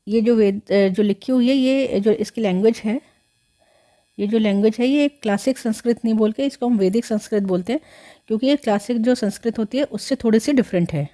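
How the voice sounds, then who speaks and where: A woman history teacher with a fairly high-pitched, dark-toned voice gives an explanatory lecture. She works through the lesson step by step, with many fillers and self-corrections, and mixes English words into her talk.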